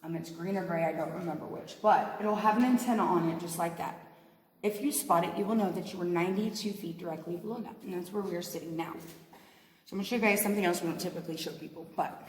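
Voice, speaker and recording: A woman's voice: on the low side, quick pace. A woman working as a cave tour guide, talking informally and in a folksy way to her group as she shows them around. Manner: chatty, folksy, addresses group as "you guys". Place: inside a large underground cave. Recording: echoing cave with long reverb, faint noise.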